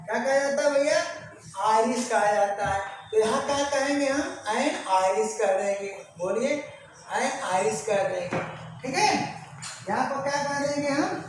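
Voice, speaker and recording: A man's voice: very high voice, lively intonation, moderate pace. A man teaching a grammar lesson, asking short questions and answering them himself, repeating each answer. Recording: echoey room, distant mic, background noise.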